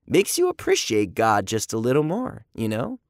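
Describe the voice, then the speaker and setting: A narrator voicing a patient mom explaining. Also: female voice, rumbling low, wildly swooping pitch, moderate pace, no room sound, clean studio sound, heavily acted. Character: thoughtful mother explaining to her kids.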